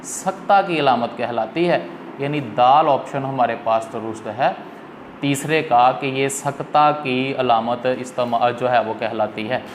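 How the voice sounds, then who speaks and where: A man's voice: medium pitch, unhurried. A male teacher who gives a patient, fatherly exam-prep lecture and calls his students "beta". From Pakistan. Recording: echoey room with faint noise.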